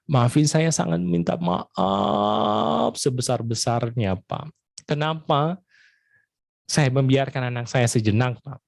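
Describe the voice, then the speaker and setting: A man acting out a humble father who softly apologizes to a young man, repeating "Pak". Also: mid-range voice, animated, takes it slowly, creaky, dry recording, clean studio sound, full character voice. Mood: apologetic, sad. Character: apologetic middle-aged father, humble and sad.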